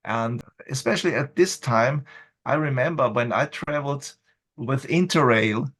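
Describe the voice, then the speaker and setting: A man's voice: medium pitch, measured pace, a bit bright, slightly rough. Austrian man in his sixties reminiscing. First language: German. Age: 60s. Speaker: guest blogger. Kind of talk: podcast interview.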